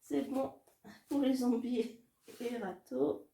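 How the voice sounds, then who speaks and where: Soft-spoken hesitant woman from France, slow gravelly delivery, echoey room; casual solo chat. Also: a little high, fairly even intonation, noisy background. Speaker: illustrator doing card and dice draws. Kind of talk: casual solo video, thinking aloud.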